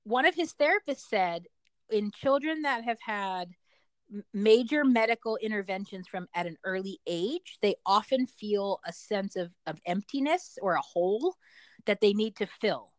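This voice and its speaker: A woman's voice: mid-range voice, animated, moderate pace, no echo. Middle-aged woman as a parent being interviewed; talkative, explanatory, conversational storytelling, recorded very dry. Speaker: parent interviewed about their child.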